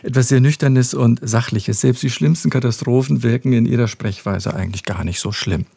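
A man, a professor of speech science, explaining in an interview in a measured, precise way. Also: medium pitch, vocal fry, mellow, husky, no echo. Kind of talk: expert interview answers.

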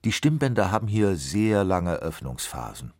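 Low-voiced male radio narrator. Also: very animated, darkish tone, dry recording, clean studio sound. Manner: smooth, measured scripted delivery.

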